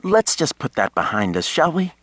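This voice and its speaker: A man's voice: a little high, very animated, moderate pace, a bit bright, no room sound, pitched above the performer's own voice. A man voicing a hurt, guarded woman in an audiobook, cool and pointed. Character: hurt, guarded adult woman, sharp-tongued. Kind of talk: audiobook character voice.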